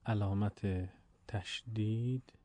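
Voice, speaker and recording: A middle-aged man giving a recorded Quran recitation lesson, explaining patiently and repeating example words slowly. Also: lowish voice, fairly even intonation, warm tone, no echo.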